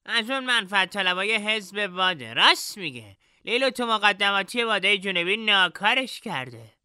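A man voicing a student who confides gossip in a hushed voice. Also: high-pitched, very animated, clean tone, no room sound, studio quality, voice pushed up, heavily acted. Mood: confiding.

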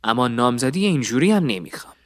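A man voicing an earnest, calm young nobleman pleading his case with determination. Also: medium pitch, close to an everyday voice.

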